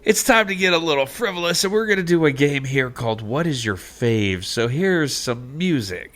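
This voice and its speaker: A man's voice: fairly high pitch, normal speed, slight background noise. A man hosting a casual podcast chat, joking and running the segments. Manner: lively, joking, runs the segments. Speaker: podcast host. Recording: uneven podcast audio.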